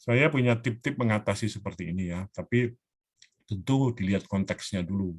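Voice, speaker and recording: A man, a pastor teaching a parenting class over a video call, earnest and animated, acting out children's pleas. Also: lowish voice, moderate pace, husky.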